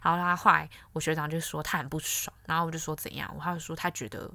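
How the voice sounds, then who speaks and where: A woman's voice: deep voice, fairly even intonation, fast talker, vocal fry, pushed and bright, no echo. A young woman, hosting a casual solo podcast and telling stories in a blunt, candid way. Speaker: podcast host.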